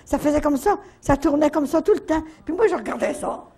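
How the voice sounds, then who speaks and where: An older woman with a Canadian French accent telling a faith testimony at a retreat, in a lively storytelling manner full of little verbal tags. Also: sits high, fairly quick, vocal fry. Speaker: retreat speaker.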